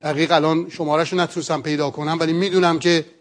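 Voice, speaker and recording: Middle-aged male pastor, high voice, earnest sermon teaching with rhetorical questions. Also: little pitch movement.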